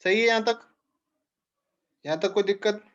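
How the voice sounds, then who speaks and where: A man's voice: sits high, normal speed, a bit bright, lo-fi sound, slight background noise. Man explaining chemistry step by step. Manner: explains step by step, asks students questions. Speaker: chemistry teacher. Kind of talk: classroom lecture.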